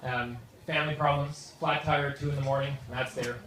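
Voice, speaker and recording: A Canadian man giving a humorous best man wedding toast in an informal, joking, halting way. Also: mid-range voice, fairly even intonation. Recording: echoey noisy room, far from microphone. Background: loud audience noise and laughter.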